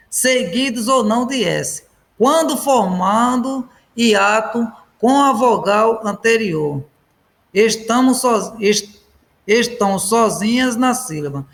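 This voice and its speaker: A man's voice: sits high, creaky, a bit bright. A man teaching a grammar lesson, repeating each point and checking in with his students. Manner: keeps checking in with "ok?" and "pessoal".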